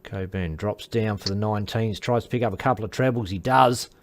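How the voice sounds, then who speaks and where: A man's voice: lowish voice, a little fast. A man giving casual live sports commentary, chatty and informal, with the odd aside. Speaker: darts commentator.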